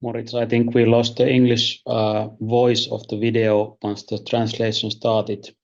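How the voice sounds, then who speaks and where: Flat gravelly man over dull call audio. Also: medium pitch, measured pace. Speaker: meeting participant.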